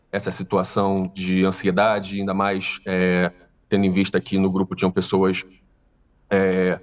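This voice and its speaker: A man with a carioca accent from Rio, a tour guide speaking in a remote news interview with many hesitant pauses. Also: deep voice, far from the mic. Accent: Carioca Brazilian Portuguese. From Rio de Janeiro, Brazil.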